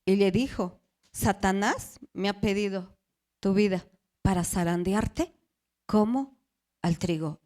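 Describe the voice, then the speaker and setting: A middle-aged woman pastor preaches. Her voice sits at a medium pitch. She keeps asking the congregation questions and draws out the words she wants to stress. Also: slow, long pauses, a little mellow. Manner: asks the congregation questions, stretches key words. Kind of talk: sermon.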